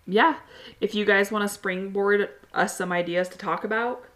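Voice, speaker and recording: A woman's voice: medium pitch, fairly even intonation, normal speed, fairly bright tone. A woman co-hosting a podcast, talking in a casual, conversational way. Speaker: podcast co-host.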